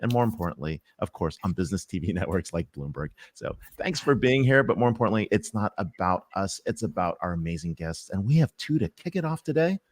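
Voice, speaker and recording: A man's voice: sits low, very animated, brisk, hardly any pauses, no echo. A man co-hosting a talk show over a video call, upbeat and effusive as he introduces guests. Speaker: co-host. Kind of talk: lively show intro chat.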